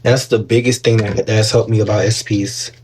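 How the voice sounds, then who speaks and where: A man's voice: lowish voice, flat delivery, brisk, background noise. A man giving casual manifestation advice on a live stream, reading viewer comments aloud and answering them in a chatty way full of fillers, into a phone.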